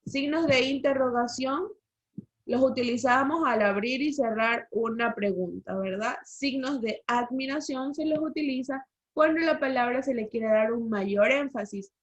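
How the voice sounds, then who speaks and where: Woman teacher, slightly high voice. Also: unhurried. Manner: explanatory, quizzing the class with questions. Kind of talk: online language lesson. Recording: slightly dull lo-fi call audio.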